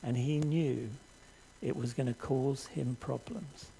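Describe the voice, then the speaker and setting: Gravelly older man preaching a sermon. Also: mid-range voice, steady tone, dark tone, slight background noise, rough recording. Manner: earnest, measured, reads scripture aloud. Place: church hall stage with audience.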